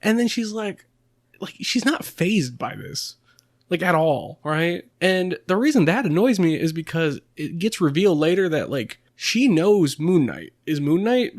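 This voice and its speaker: A man's voice: fairly high pitch, big pitch swings, unhurried, dry recording, clean studio sound. A young man co-hosting a podcast, talking casually in a rambling way with many fillers and frequent laughs. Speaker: podcast co-host. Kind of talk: casual chat.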